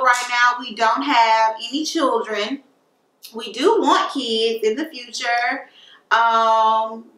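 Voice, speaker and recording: A chatty, upbeat woman in her late twenties talks through a casual question-and-answer vlog, her voice bright and a little high. She sits back from the mic in a roomy, echoing space. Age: late 20s. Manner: chatty, upbeat, lots of fillers. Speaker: beauty vlogger. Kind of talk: casual Q&A chat. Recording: echoey room, mic at a distance.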